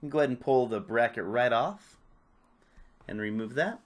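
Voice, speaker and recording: A man with a mid-range voice walks through a repair tutorial at a moderate pace. His narration is casual and informal, giving hands-on instructions step by step.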